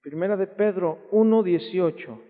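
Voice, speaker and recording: A man's voice: high voice, normal speed. A Mexican man preaching as a pastor, emphatic and exclamatory, telling stories with quoted voices, on an old church recording. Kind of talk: sermon. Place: church hall. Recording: tinny lo-fi 1990s church recording, long hall reverb.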